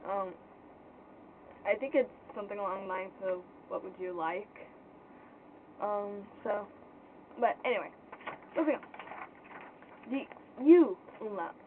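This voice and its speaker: A young woman giving an informal pronunciation lesson in a casual, halting way, thinking aloud as she explains. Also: medium pitch. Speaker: language tutor. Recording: tinny phone-like sound with faint noise.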